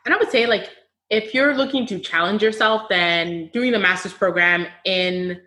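A woman's voice: medium pitch, moderate pace, pushed and bright. A young American woman hosting a podcast, chatting casually with a friend and laughing often. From United States. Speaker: podcast host. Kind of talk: casual chat.

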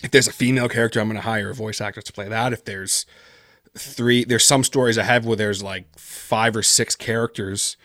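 Man, low voice, rambling casual chat, lots of fillers, dry recording. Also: fairly even intonation, a little fast, a bit bright, no echo. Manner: rambling, heavy on fillers like "like" and "kinda". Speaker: podcast guest, horror story writer. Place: based in Canada.

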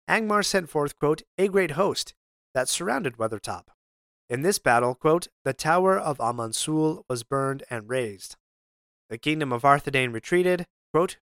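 Guy reading lore notes, bit high voice, dead dry mic, jokey little asides. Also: a bit bright, no echo. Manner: explanatory, with wry asides. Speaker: podcast host. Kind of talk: scripted lore narration.

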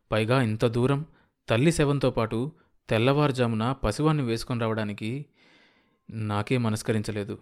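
A man's voice: mid-range voice, close to an everyday voice. A man voicing a worldly, somewhat impatient man who explains things in a matter-of-fact way.

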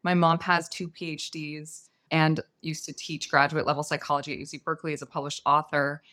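A woman's voice: sits low, flat delivery, fairly quick, fairly bright tone. An American woman from the San Francisco Bay Area, telling her personal story conversationally as a podcast guest. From San Francisco Bay Area, USA.

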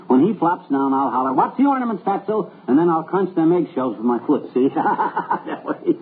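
A man's voice: fairly high pitch, moderate pace, close to an everyday voice. An American man playing a teasing, cocksure, folksy middle-aged husband in 1940s radio comedy style. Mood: gleeful. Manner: folksy slangy wisecracking. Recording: noisy old phone-like radio recording.

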